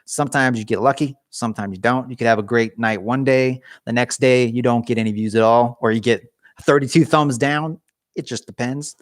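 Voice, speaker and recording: Chatting on a live stream from his garage, a young man jokes around with viewers and rambles as he gradually loses his voice. He speaks fairly quickly at a medium pitch with a steady tone, recorded at studio quality without room sound.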